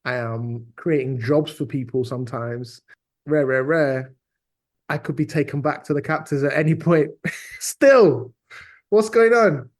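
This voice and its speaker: A man with a modern British accent speaks as a guest in a relaxed interview. His voice sits at a medium pitch. He tells things in a conversational way, restarting and repeating phrases for emphasis. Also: moderate pace. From Britain. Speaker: podcast guest, writer and teacher.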